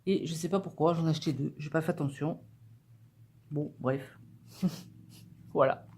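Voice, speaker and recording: A woman's voice: deep voice, normal speed, a little mellow, a little hiss or hum. A woman vlogger chatting casually to camera as she unpacks a craft-supply haul, upbeat and full of little fillers. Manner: chatty and enthusiastic, with many fillers.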